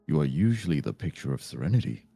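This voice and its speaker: A man voicing calm young male demon suitors from a romance game, with a formal, courtly delivery and a faint put-on accent. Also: very deep voice, fast, creaky, slightly rough, faint music behind, full character voice. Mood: suave. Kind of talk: live reading of game dialogue.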